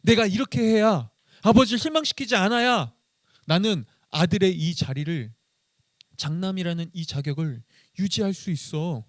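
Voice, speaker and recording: A man's voice: sits high, animated, normal speed, no echo. A resentful, dutiful eldest son, as a man acts him out in a sermon, pressing his complaint in a raised, swinging voice. The delivery is insistent and bitter, recorded close and dry. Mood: anxious, pressured.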